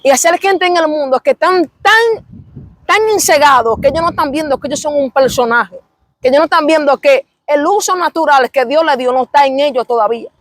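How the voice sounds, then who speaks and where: High-voiced woman giving a fervent testimony. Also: fairly quick, no room sound. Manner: fervent, repetitive storytelling with exclamations of praise. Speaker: interview guest. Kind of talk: emotional religious testimony.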